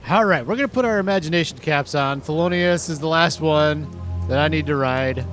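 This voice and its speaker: A man's voice: fairly high pitch, fairly quick, fairly bright tone. A man casually commenting on his own farming game, rambling and thinking aloud in an easygoing way. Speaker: gaming channel host. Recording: music playing under the voice.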